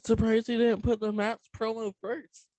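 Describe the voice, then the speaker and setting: A man's voice: extremely high pitch, little pitch movement, normal speed, a little mellow, dry recording, poor audio. A man co-hosting a podcast, giving short, terse replies in casual chat. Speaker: podcast co-host.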